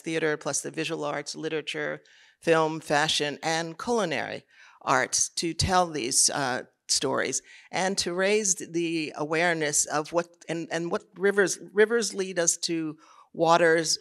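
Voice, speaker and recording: Gravelly measured male panelist. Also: fairly high pitch, a bit bright. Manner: measured, frequent word repeats. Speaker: panelist, arts programmer. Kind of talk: conference panel talk.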